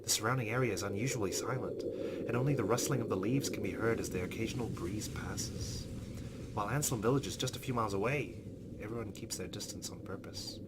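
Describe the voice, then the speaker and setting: A man with a lowish voice talks fast while hosting a let's play, reading visual novel narration aloud and tossing in asides. Loud, steady background noise runs under the recording.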